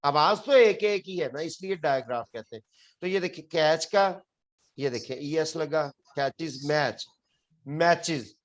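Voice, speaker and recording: Teaching English spelling to a classroom, a Pakistani man explains patiently and repeats each word. His voice is a little high and he talks a little slowly.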